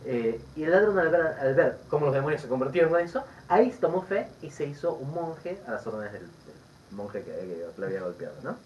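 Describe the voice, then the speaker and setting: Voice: medium pitch, brisk. A Buddhist teacher with a Rioplatense Spanish accent, giving a Dharma teaching full of stories and asides. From Argentina. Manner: lively storytelling with asides and laughter. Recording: distant dull recording with faint background noise.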